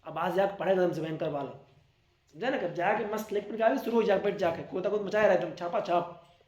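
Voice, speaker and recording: A man teaching a class, explaining with lively everyday examples and acted-out asides. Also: high-pitched, brisk. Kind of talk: classroom lecture. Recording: echoey classroom.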